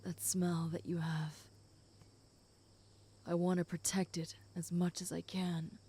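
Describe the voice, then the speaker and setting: A woman voicing a flirty, possessive and protective female werewolf in an intimate audio role-play, speaking teasingly to the listener in a smooth voice. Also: on the low side, flat delivery, takes it slowly, full character voice. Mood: gentle, protective. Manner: flirty, teasing, with soft chuckles.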